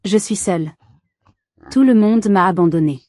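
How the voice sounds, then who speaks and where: A desperate older mother-in-law, as a woman narrator reads her lines, her voice weak and raspy. The tone is dark and mellow. The recording is dry and close. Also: medium pitch, expressive, normal speed, no room sound, natural voice. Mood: pleading.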